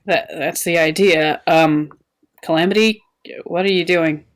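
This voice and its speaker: Woman, tabletop player, slow, low, hesitant. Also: fairly even intonation. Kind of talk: casual tabletop game play.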